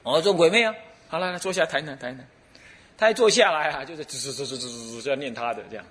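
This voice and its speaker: A man's voice: fairly high pitch, fast, a little hiss or hum. A middle-aged man with a Taiwanese Mandarin accent, a Buddhist abbot giving a dharma talk full of stories, laughing and acting out the dialogue. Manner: animated storyteller who laughs and acts out dialogue.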